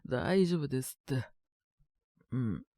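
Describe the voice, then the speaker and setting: Slow and warm, with a mid-range voice and lively intonation, the actor plays an ill young man who keeps breaking into coughing fits. Apologetic and reassuring, he sighs, mumbles reluctant answers, and grumbles politely to his senior in casual junior speech. The piece is a Japanese boys' love situation voice drama, intimate and one-sided, recorded dry at studio quality.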